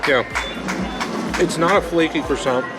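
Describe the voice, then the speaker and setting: A man's voice: fairly high pitch, measured pace, a loud crowd. A man co-hosting a casual home cooking video, easygoing and rambling with fillers. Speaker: co-host. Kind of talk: casual chat. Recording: roomy echo, light music.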